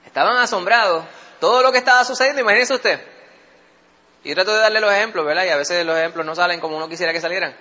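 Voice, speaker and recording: A man's voice: high voice, racing, sharp tone, dull audio. A Puerto Rican man leading a Bible study in a conversational teaching style, often checking in with his listeners. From Puerto Rico. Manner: keeps asking listeners for assent.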